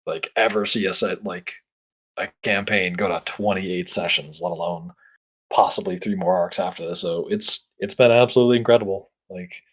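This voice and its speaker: A man running a tabletop game, narrating and chatting casually in halting, hesitant phrases. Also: low-pitched, rough recording. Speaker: game master.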